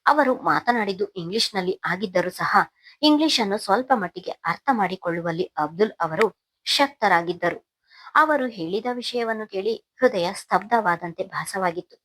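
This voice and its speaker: A woman narrating a Kannada novel in a steady, solemn storytelling manner. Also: medium pitch, moderate pace. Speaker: audiobook narrator.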